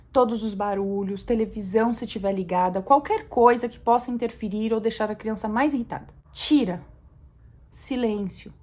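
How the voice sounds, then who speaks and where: A young Brazilian mother vlogger speaks to camera with a Brazilian Portuguese accent and a mid-range voice. She is calm, soft-spoken and reflective, though at times she rises to earnest emphasis.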